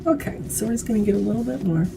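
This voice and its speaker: A woman's voice: medium pitch, very fast, creaky, over music. A woman giving a casual, chatty makeup tutorial while tipsy, rambling drunkenly and swearing freely.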